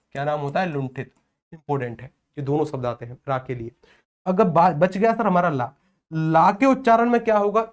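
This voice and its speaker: Man, teacher, exam-prep lecture, somewhat high-pitched, asks and answers himself, playful. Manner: lively, asks and answers his own questions; playful, acts out village celebration chants. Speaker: Hindi teacher.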